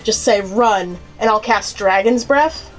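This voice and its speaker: A woman's voice: medium pitch, measured pace, a little mellow, faint music behind, rough recording. A woman playing a tabletop game, reacting eagerly and describing her spells. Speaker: player. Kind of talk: tabletop play, chatty.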